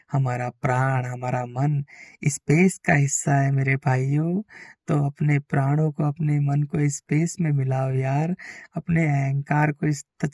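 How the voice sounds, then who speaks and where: A man's voice: a little high, darkish tone, no room sound, studio quality. A man preaching a repetitive, exhorting spiritual monologue to his listeners.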